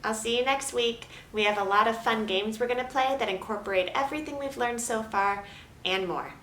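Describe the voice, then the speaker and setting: A woman teaching a children's drama lesson in a gentle, clear, instructive way. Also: on the high side, fairly quick, slight background noise. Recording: roomy echo, faint ambience.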